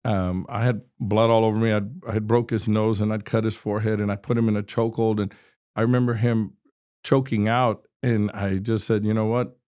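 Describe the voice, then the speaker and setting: A man's voice: fairly low pitch, little pitch movement, a little fast, a little mellow. A man in his sixties from Texas, a state representative telling a personal story as a podcast guest, earnest and vivid, often restarting his sentences.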